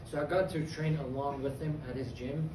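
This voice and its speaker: A young man from Afghanistan, an MMA fighter giving a confident, earnest post-fight interview with many pauses and fillers. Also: a little high, steady tone, noisy background. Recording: echoey venue, distant mic, loud crowd ambience.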